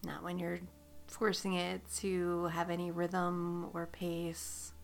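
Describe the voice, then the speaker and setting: A woman guiding a meditation, speaking slowly and soothingly with drawn-out phrases that sometimes soften to a whisper. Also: on the low side, monotone, creaky, soft background music. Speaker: meditation guide. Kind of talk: guided meditation.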